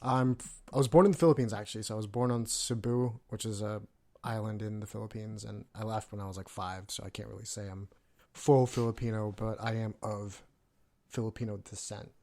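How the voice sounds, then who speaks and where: A man's voice: lowish voice, steady tone, a little fast, warm tone. A man in his thirties from California, a Navy veteran telling his story as a podcast guest in a loose, profane way, with lots of fillers. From California, USA. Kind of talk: casual podcast interview.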